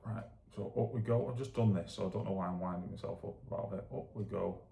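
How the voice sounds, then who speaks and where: A man with a very low, creaky, gravelly voice talks casually to his viewers. He rambles and thinks aloud in a self-deprecating way as he demonstrates something. The room around him sounds echoey. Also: quick pace, mellow, slight background noise. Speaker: vlogger. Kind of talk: casual chat to camera while demonstrating exercises.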